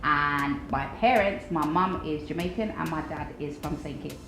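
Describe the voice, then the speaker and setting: A young woman from London, speaking calmly and matter-of-factly in a casual group interview. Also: deep voice, moderate pace, echoey room, noisy background.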